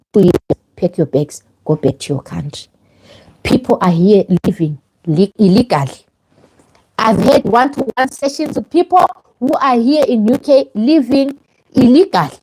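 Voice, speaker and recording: Woman vlogger, emphatic and repetitive, warm low tone, heavy fuzz distortion on the mic. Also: lively intonation, measured pace. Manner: direct, emphatic, repeats herself. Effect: fuzzy distorted microphone sound. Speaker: vlogger giving visa advice. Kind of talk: live stream chat. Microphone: clip-on microphone, later removed.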